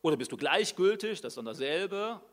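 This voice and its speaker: A man's voice: high-pitched, very animated, a little fast. A middle-aged man preaching a sermon in a conversational way, asking the listeners questions.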